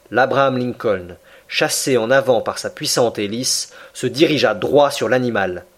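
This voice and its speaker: A man narrating an audiobook in a steady, measured reading voice. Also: mid-range voice. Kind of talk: scripted narration of a classic novel.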